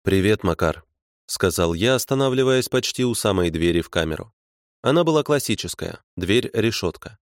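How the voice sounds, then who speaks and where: Low-voiced man narrating an audiobook. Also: animated, normal speed, no echo, clean studio sound. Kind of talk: first-person audiobook narration.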